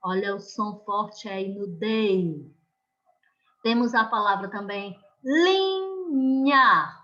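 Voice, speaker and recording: A Brazilian woman teaching an online class, explaining slowly and patiently and often checking that the children follow. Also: mid-range voice, fairly even intonation, fairly bright tone, highs cut off. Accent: Brazilian Portuguese.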